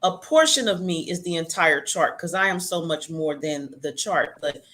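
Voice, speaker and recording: A woman chatting casually, telling personal stories with a warm, conversational flow. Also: sits low, animated, moderate pace. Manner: chatty, storytelling.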